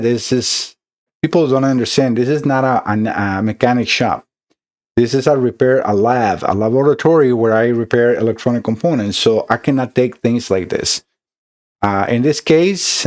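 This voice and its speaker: A middle-aged man from Costa Rica, his voice darkish and average in pitch, explains an electronics repair one step at a time. His Costa Rican Spanish accent carries a chatty delivery packed with fillers and restarts.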